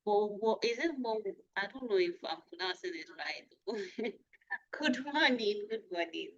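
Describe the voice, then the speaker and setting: A woman hosting an online training session, greeting attendees one by one and pausing over how to say their names. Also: medium pitch, expressive, fairly bright tone. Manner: unhurried, reading names aloud and pausing over pronunciations. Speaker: webinar host. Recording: dull lo-fi online call audio.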